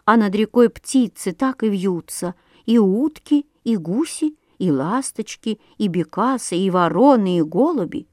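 A woman reading a children's tale aloud in an expressive storytelling manner. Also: medium pitch, a little slow, hardly any pauses, no echo, clean studio sound. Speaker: narrator.

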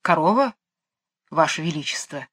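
A woman's voice: deep voice, animated, moderate pace, fairly bright tone, breathy edge, exaggerated voice. A woman reading a storybook aloud, voicing a plaintive female cow who cannot stop dancing. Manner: plaintive, complaining. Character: gloomy lovesick cow dancing nonstop, female.

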